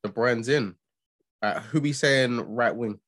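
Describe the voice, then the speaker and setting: A man in a casual group discussion, putting quick questions to his friends like he is running a vote. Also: medium pitch, fairly bright tone.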